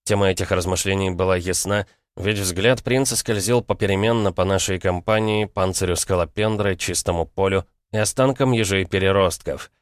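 A man narrating a fantasy audiobook in a steady, even reading. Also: deep voice, normal speed, few pauses, clear, resonant tone, no room sound, clean studio sound. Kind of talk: scripted fiction narration.

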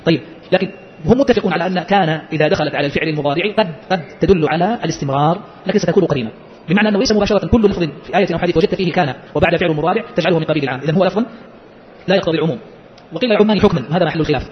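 A high-voiced male teacher of Islamic jurisprudence lectures rapid-fire on a legal-theory text, quizzing listeners with quick rhetorical questions. The sound is lo-fi, with slight background noise.

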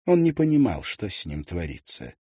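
A man reading a novel aloud as an expressive audiobook narrator. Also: low voice, moderate pace, breathy edge, no room sound, clean studio sound. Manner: expressive, varied delivery.

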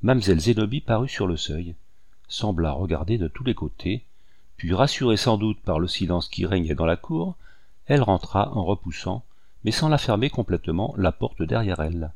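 A man narrating an audiobook in a measured, steady storytelling manner. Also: low voice, no room sound, studio quality. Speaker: audiobook reader.

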